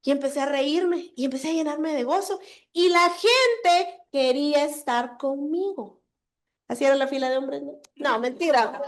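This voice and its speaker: A woman with a Guatemalan accent giving a conference talk, telling a personal story in an animated, confiding way and often checking in with her audience. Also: high voice, moderate pace. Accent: Guatemalan Spanish. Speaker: conference speaker. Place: conference hall.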